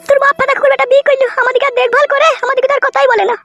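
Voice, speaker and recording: A woman acts in a comic family sketch with a very high voice. She scolds and quarrels with rapid, dramatic delivery. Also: level tone, fairly bright tone, highs cut off, faint music behind.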